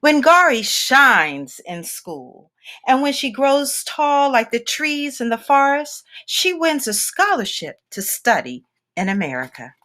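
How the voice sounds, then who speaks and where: In a high-pitched voice, a woman tells the story of a children's picture book, reading it out slowly and expressively and letting dramatic pauses build the tale.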